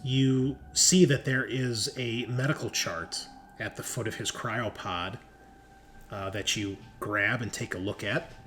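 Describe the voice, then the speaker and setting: Running a tabletop roleplaying game, this man improvises the story conversationally, frequently halting in the middle of a sentence while he figures out what comes next. He speaks in a mid-range voice with a fairly bright tone.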